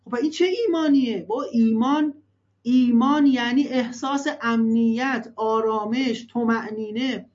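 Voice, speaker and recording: A man's voice: extremely high pitch, a little mellow. A man giving religious advice to parents in an earnest, emphatic way, with many rhetorical questions. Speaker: religious family counselor. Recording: dull lo-fi recording.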